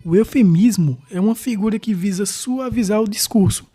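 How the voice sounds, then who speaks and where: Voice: medium pitch, moderate pace, mellow, slightly rough. A teacher with a Brazilian accent works through exam questions one by one, explaining each answer methodically. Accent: Brazilian Portuguese.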